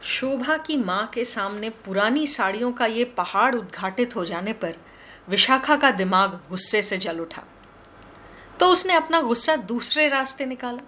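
Expressive woman narrator reading a literary story, high-set voice. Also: moderate pace, a little hiss or hum.

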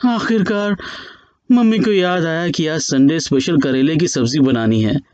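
A man narrating a first-person story in an expressive, playful way. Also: fairly high pitch, measured pace, no echo, muffled recording.

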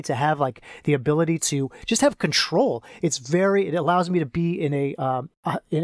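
A man hosting a casual solo podcast, rambling and repeating himself, his speech slightly slurred and soft on lip consonants as if numb from the dentist, with one side of his mouth paralyzed. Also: fairly high pitch, dry recording, studio quality. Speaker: podcast host and men's coach.

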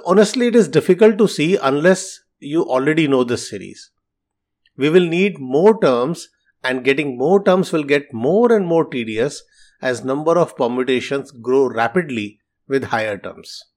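A man talks through number patterns with calm, methodical care, like a teacher at his desk. His pitch sits a little high and moves in a lively, animated way. The delivery is scripted and steady. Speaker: podcast host and math teacher. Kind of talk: scripted podcast explanation.

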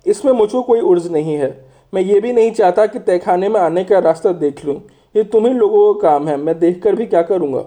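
Storybook minister, male narrator playing him, older, loyal, frank, mellow-toned. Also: high voice, fairly quick, lightly acted. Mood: earnest, obliging. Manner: frank, friendly, earnest.

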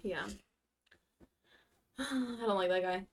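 A woman co-hosting a podcast in casual chat, blunt and quick to swear, who also reads listener stories aloud. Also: medium pitch. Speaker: podcast co-host.

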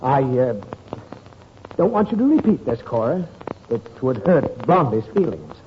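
An actor playing a sheepish husband fumbling alibis after coming home late, in 1940s radio acting. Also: male voice, mid-range voice, sing-song, a little slow. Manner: hesitant, evasive. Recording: muffled old radio recording with audible hiss.

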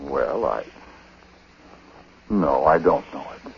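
An actor playing a troubled, uneasy husband who narrates in a hesitant, conversational way in a 1940s radio drama. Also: male voice, a bass voice, lively intonation, slow, creaky, heavily acted. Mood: anxious, gentle. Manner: hesitant, conversational, breaking off and repeating words. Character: troubled husband, uneasy, recounting his own story. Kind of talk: 1940s radio acting, first-person confessional narration. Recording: muffled, noisy 1940s radio recording.

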